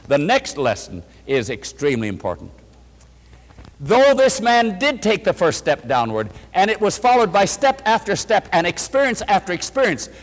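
Emphatic male preacher in a reverberant hall. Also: high voice. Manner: emphatic, addresses listeners as friends, leads them in reciting verses. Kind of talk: sermon.

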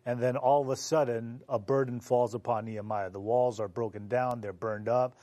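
A man's voice: medium pitch, steady tone, moderate pace, mellow, no echo. A man explains the background of a Bible passage in an earnest, storytelling way. His voice sits mid-range and the sound is close and dry. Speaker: Bible study panelist.

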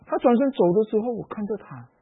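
Brief: middle-aged Malaysian Mandarin-accented male preacher, high and lively storyteller, tinny phone-like audio. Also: fast talker, slightly rough, dry recording. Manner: animated storytelling with frequent particles. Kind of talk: sermon-style personal story.

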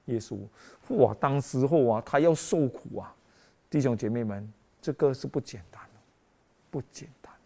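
A man's voice: medium pitch, normal speed, gravelly, mellow. A man preaching a Christmas sermon with emotional, dramatic exclamations, often calling out to the congregation as brothers and sisters.

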